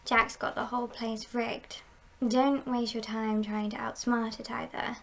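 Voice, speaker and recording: A woman playing a confident, scheming female heist boss in an ASMR role-play, speaking in a measured, playful and conspiratorial way with a creaky voice. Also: on the high side, little pitch movement. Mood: conspiratorial, commanding.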